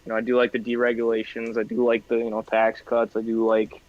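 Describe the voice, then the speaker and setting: A man speaks haltingly in a casual debate. He stumbles and apologizes as he works out his points. His voice comes through a dull, lo-fi call. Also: medium pitch, completely flat delivery. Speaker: debate guest. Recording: dull lo-fi video call audio.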